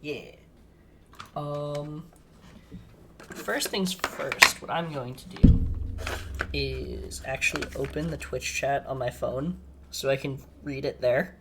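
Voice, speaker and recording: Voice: medium pitch, steady tone, slow, very noisy. A podcast co-host chatting casually on a live stream, flustered and self-deprecating, laughing through technical trouble. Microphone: streaming setup with desk mic.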